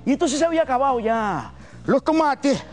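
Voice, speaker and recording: A man's voice: very high voice, fairly quick, faint music behind. An older man with a Canarian accent, a humorist telling a folksy comic story on a TV gala stage. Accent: Canarian Spanish. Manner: folksy, colloquial, animated.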